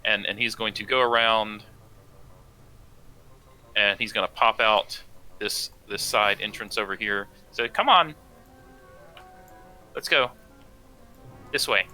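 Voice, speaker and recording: A man narrating a tabletop game as game master, halting and repeating his phrases. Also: fairly low pitch, pushed and bright, faint music behind.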